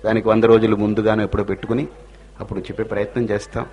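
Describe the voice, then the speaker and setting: Husky man giving a discourse. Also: on the low side, rapid-fire. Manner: animated storytelling with rising emphasis and rhetorical questions. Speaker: religious speaker. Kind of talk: spiritual discourse.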